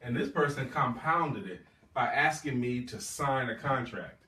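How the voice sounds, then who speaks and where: A man's voice: mid-range voice, unhurried, bright, forceful tone, echoey room, far from the mic, a little hiss or hum. A man giving a motivational sales seminar talk as a trainer, speaking emphatically and repeating key words for stress.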